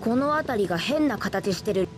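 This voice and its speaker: A woman's voice: mid-range voice, expressive, moderate pace, natural voice. A woman voicing a skeptical young boy spirit in a video game, with casual, blunt, boyish delivery. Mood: puzzled. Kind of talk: Japanese RPG cutscene voice acting. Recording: game soundtrack music behind.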